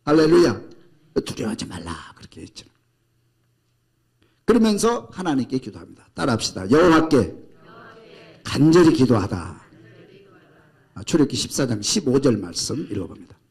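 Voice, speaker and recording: A male pastor preaching a sermon with emphatic delivery, shouting out scripture commands and acting out grumbling people. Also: medium pitch, big pitch swings, fairly quick, vocal fry, slightly rough.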